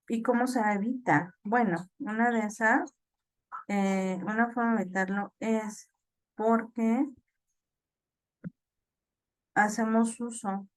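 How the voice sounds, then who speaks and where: A woman teaching an online class, explaining slowly with fillers and repeats and checking in with "ok?". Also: mid-range voice, no echo. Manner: slow, halting explanation with many fillers and repeats; checks understanding with "ok?".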